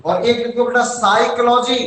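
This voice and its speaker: Male teacher, high voice, slow dictation style, echoey room. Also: steady tone, a bit bright, a little hiss or hum. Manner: slow, spells words letter by letter, calls students "beta". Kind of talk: online class lesson.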